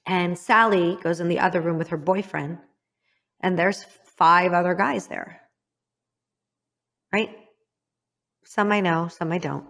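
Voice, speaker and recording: A woman from the US Midwest, a podcast host telling a painful personal story to a guest in a candid, halting way, her voice sinking low and soft at hard moments. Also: steady tone.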